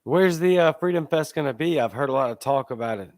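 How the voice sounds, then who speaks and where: A man's voice: on the high side, lively intonation, fast talker, darkish tone, no echo, studio quality. A man hosting a casual live interview in an informal, agreeable way. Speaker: live show host.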